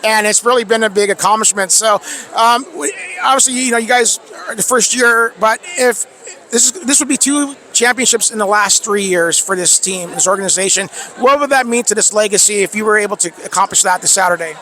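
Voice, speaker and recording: Guy reporter with a high bright voice, chatty and halting, asking players questions outside. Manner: halting, chatty, laughs often. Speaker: sports reporter. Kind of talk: press interview questions. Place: outdoors at a media day.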